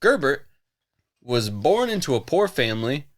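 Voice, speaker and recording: A man's voice: medium pitch, very animated, moderate pace. A man co-hosting a casual podcast, telling a history story with lots of jokes and giggles. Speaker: podcast co-host. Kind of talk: casual chat.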